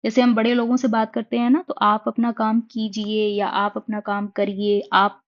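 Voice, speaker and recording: A woman teaching Hindi spelling and sentence correction for exams, patiently repeating each corrected sentence slowly. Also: mid-range voice, flat delivery. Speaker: Hindi exam tutor. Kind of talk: explanatory exam-prep lesson. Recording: dull lo-fi recording.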